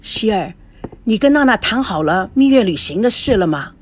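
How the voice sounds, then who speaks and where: A woman's voice: mid-range voice, animated, normal speed, husky. A woman reading the lines of an eager, tender elderly grandmother in an audiobook, in a coaxing way.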